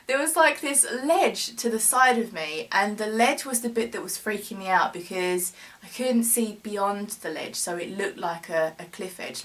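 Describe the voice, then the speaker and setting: A woman's voice: mid-range voice, fairly bright tone. A young woman, recounting a story in a rambling vlog chat full of "like" and bursts of laughter. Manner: rambling, filler-heavy, laughs through the telling. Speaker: vlogger. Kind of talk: casual storytelling.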